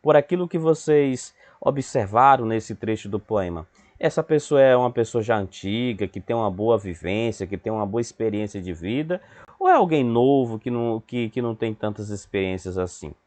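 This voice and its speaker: A man's voice: fairly low pitch, expressive, moderate pace, a little mellow. A man with a Brazilian accent teaching a Portuguese class, explaining patiently and often checking in with his students. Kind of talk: recorded remote class lesson.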